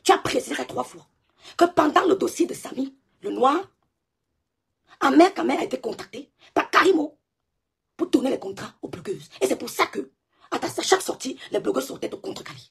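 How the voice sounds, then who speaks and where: A woman's voice: high voice, big pitch swings, fairly quick, gravelly, slightly rough. A woman hosting a live stream, arguing insistently with a caller, repeating her points and talking over her. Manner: insistent, repeats herself, talks over the other. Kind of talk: heated live-stream argument.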